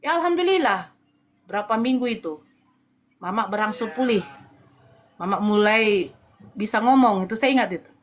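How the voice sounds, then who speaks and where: A woman's voice: mid-range voice, lively intonation, moderate pace, long pauses, a little hiss or hum. A middle-aged woman telling her personal testimony as a convert, emotional and tearful, with pleading prayers in her story.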